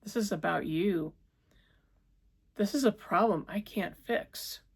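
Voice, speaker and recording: A woman's voice: mid-range voice, slow, gravelly, breathy edge, full character voice. A woman voicing a frightened young man who answers firmly and insistently.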